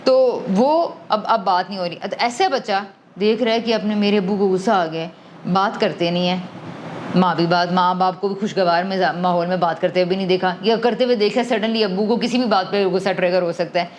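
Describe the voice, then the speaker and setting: A mid-range female voice comes through with a little hiss or hum. She is an adult parent guesting on a podcast about emotional wellbeing, and she talks things through thoughtfully and conversationally, weaving in English words and restarting sentences often.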